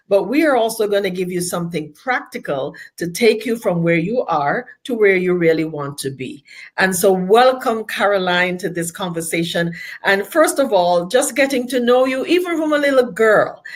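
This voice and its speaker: A woman hosting an online interview, enthusiastic and encouraging, often repeating words as she starts a thought. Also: mid-range voice. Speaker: host.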